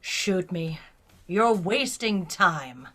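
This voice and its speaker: A woman playing a composed, bold starship captain in an audio drama, speaking in a measured, firm, understated way. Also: on the low side, animated, fairly bright tone, full character voice. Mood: defiant. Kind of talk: gender-swapped science fiction audio drama acting.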